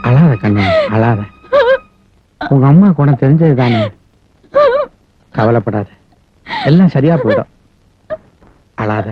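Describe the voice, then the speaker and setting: An actor playing a calm older father-in-law with a soothing, measured way of talking, in a film drama. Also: mid-range voice, lo-fi sound, faint music behind. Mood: comforting.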